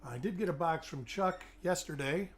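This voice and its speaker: On a live coin-hunting stream, a middle-aged host with a fairly high voice talks at a moderate pace, though illness has left it weak and fading. He greets viewers by name and chats while examining coins.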